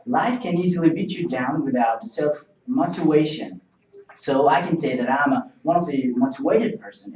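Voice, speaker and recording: A young man whose first language is Uzbek plays a job candidate in a mock interview, answering carefully in rehearsed English with many fillers. His voice is a little high and mellow. The recording sounds distant, roomy and dull, with lo-fi quality.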